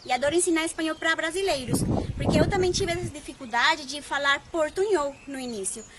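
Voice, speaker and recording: High-voiced woman from Colombia vlogging. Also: brisk, very noisy. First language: Spanish. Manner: chatty storytelling with quoted dialogue. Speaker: Spanish teacher and researcher. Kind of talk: casual vlog talk to camera.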